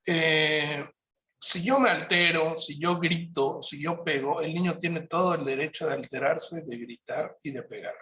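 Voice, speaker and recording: A man with a somewhat high voice gives a parenting workshop. He explains each point in a calm, instructive tone. He often pauses to check in with his audience. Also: a little hiss or hum. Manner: checks in with listeners by asking "¿Sí?".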